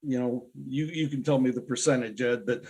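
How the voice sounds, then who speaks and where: A man's voice: medium pitch, fairly even intonation, fairly quick, darkish tone, slightly rough. Earnest male guest telling stories. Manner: earnest, laughs easily, storytelling. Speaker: podcast guest, author. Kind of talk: casual interview talk.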